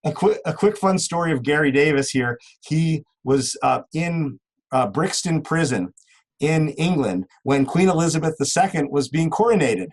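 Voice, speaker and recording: A man's voice: a little high, lively intonation, moderate pace, low-quality recording. Talkative man telling stories. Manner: rambling, many restarts and fillers. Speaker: guest. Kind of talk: casual interview talk.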